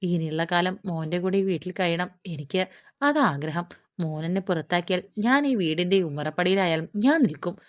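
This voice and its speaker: A woman's voice: fairly low pitch, normal speed, natural voice. A woman voicing a scheming older man who pleads with false humility. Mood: pleading. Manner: pleading, sentimental.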